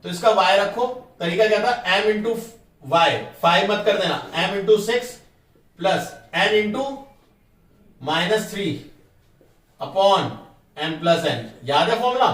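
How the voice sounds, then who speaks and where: A man with a fairly high voice teaches a math class, walking through each step and firing quick questions at his students. He on terms. The sound is roomy and echoey, with him standing a bit back from the mic. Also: fairly bright tone, far from the mic.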